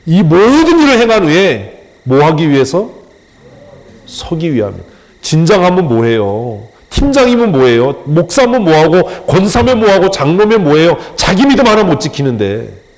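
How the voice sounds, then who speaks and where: A male pastor delivers a sermon in a fairly high, very animated voice that leaps up and down in pitch. He talks to the congregation plainly and with humor, acting out short exchanges instead of reading. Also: moderate pace. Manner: animated, colloquial, acts out dialogue with humor.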